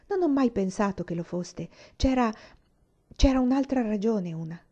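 A woman voicing a kind grown woman who speaks softly and tenderly to a child in an audiobook. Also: a little high, expressive, moderate pace, muffled recording. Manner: soft, tender, reassuring.

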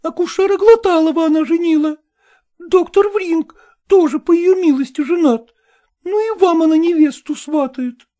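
A man doing a shrill, jealous, tearful woman. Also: moderate pace, warm tone. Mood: reproachful. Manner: shrill, pressing, reproachful questioning. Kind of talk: audiobook character reading.

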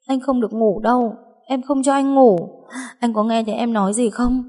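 A woman's voice: steady tone, normal speed, dark tone, close to an everyday voice. A woman voicing a young woman crying out and pleading over her injured husband in an audio story. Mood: desperate pleading. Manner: shrill pleading cries. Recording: long hall reverb.

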